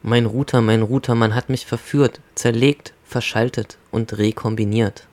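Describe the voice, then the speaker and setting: A man's voice: mid-range voice, fairly even intonation, moderate pace, darkish tone, natural voice. A man voicing an anxious little data packet, pleading fearfully in rhymed verse. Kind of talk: comic poem recitation.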